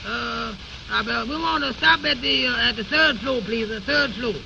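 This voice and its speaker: A nervous, humble man a very high, creaky voice. He stammers and repeats his folksy phrases in an old radio comedy, on a dull recording full of noise. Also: moderate pace. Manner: stammering repetitions, deferential, folksy ungrammatical speech. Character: anxious, humble, naive man, easily flustered. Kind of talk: 1930s-40s radio comedy acting.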